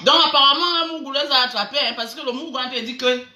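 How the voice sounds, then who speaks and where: A woman with a Cameroonian accent hosts a casual live stream in a high, sharp voice, talking fast. She greets viewers and mocks people by sarcastically repeating them with a stammer. The room is echoey, with faint background noise.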